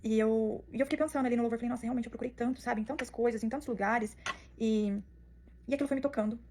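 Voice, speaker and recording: A woman's voice: fairly high pitch, fairly even intonation, dark tone, a little hiss or hum. A young woman telling her personal faith testimony in an earnest, emotional way. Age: young adult. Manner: emotional, earnest, fast-flowing storytelling. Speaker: testimony speaker.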